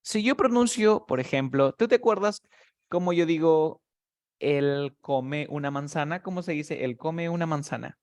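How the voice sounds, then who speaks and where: A man with a slightly raised voice teaches English pronunciation on a video call, speaking through a computer mic. He explains patiently in Spanish, models each sound slowly and keeps checking that his student follows. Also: fairly high pitch. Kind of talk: online one-on-one English lesson.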